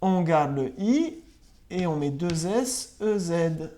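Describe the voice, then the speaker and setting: A primary school teacher recording a lesson for pupils at home, speaking slowly and spelling words out letter by letter. The voice is mellow and rather dark, with a lively, rising and falling tune as they check again and again that everyone follows. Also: mid-range voice.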